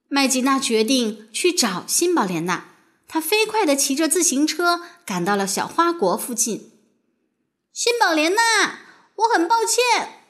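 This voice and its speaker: A woman reads a children's fairy tale aloud in a high, bright voice. Her pitch dances up and down with a sing-song storybook lilt, expressive and animated throughout.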